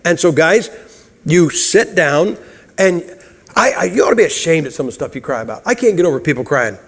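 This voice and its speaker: A man's voice: on the high side, expressive, a little fast. Blunt preacher, man, big hall reverb. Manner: humorous, chuckles through anecdotes; blunt and emphatic. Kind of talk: sermon. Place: church sanctuary.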